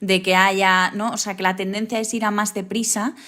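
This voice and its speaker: A woman guest on an interview podcast, speaking at a middle pitch. She thinks out loud, circling back over her words and often ending with a questioning tag. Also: flat delivery, moderate pace. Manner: thoughtful, restarts phrases, frequent tag questions. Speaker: guest photographer. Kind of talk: reflective interview talk.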